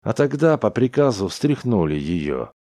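A man reading Chauns, a calm, reasoning starship pilot. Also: lowish voice, measured pace, dry recording, clean studio sound, pitched above the performer's own voice. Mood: explaining.

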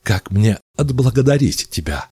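A man's voice: fairly low pitch, big pitch swings, moderate pace, mellow, husky, no room sound, clean studio sound, voice pushed up, full character voice. A man voicing an earnest, flustered young man in an audiobook, eager and anxious. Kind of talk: audiobook character voice.

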